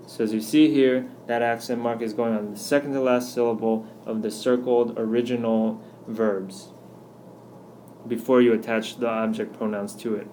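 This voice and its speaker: A man's voice: medium pitch, level tone, warm tone, slight background noise. Patient man teaching over slides. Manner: patient, explanatory, slows down on examples. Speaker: Spanish teacher. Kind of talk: recorded slideshow lesson.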